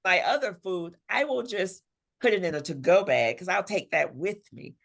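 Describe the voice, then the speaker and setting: This author, a woman guest in a conversational interview, has a lowish, creaky, fairly bright voice and speaks at a moderate pace. She's animated, telling stories with expression and performing imagined snippets of dialogue.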